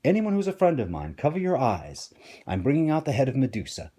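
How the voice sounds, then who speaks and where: A man's voice: fairly low pitch, very animated, normal speed, dark tone, slightly rough. A man doing a cocky, wry young Greek hero. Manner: dry, sarcastic quips. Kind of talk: reading a storybook aloud.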